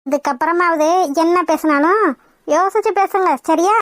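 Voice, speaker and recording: A teasing young sister-in-law from a cartoon, voiced by a woman, handing out bossy advice. The voice is squeaky and very high. It sounds dry and close. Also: moderate pace, a bit bright, dry recording.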